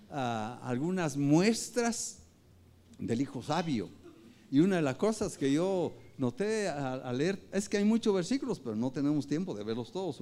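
A preacher delivers a sermon directly to his congregation, calling them brothers and parents. His slightly high voice swings widely in pitch and loudness for emphasis, and he quotes scripture with rising force.

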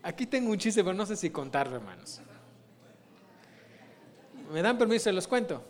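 Male preacher, high voice, chatty sermon delivery, constant rhetorical asides. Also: very animated, normal speed. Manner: conversational, rhetorical questions to the congregation. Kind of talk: informal sermon teaching.

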